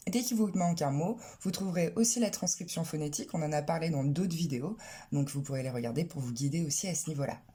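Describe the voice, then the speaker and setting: Woman, English teacher, low voice, mellow, explanatory, models pronunciation. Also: quick pace, slightly rough. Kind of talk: online English lesson.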